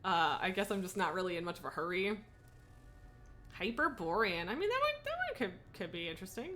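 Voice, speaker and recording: Livestreaming a video game, a woman chats casually and informally, thinking out loud, hopping between thoughts and poking fun at herself. Her mid-range voice is sing-song, brisk, bright and forceful. She is the stream's host.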